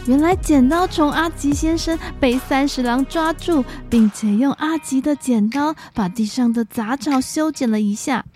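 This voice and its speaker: A woman's voice: high voice, normal speed, hardly any pauses, a little mellow, faint music behind. A woman storyteller narrating for small children, talking to them as if reading to a toddler.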